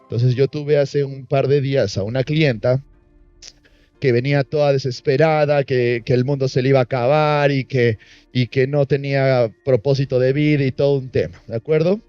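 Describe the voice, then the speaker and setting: A man leads a workshop and acts out conversations with a client as he teaches. His voice is dark and mellow. The recording sounds muffled, with faint music behind him. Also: mid-range voice, steady tone, normal speed, clear, resonant tone, dry recording. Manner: storytelling, acting out client dialogue. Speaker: NLP trainer.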